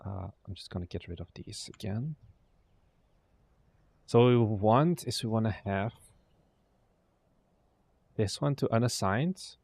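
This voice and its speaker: Here the young streaming game developer, whose first language is Dutch, talks in a lowish, slightly mellow, creaky voice. He's unhurried and pauses often as he mutters his thoughts aloud on a casual livestream, drifting off mid-thought and swearing at times.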